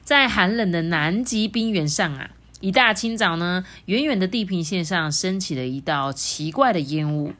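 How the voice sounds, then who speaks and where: A mother reads a children's storybook aloud in an animated storytelling voice. She lingers on the particles at the ends of her phrases. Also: lowish voice. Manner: animated, drawn-out sentence particles.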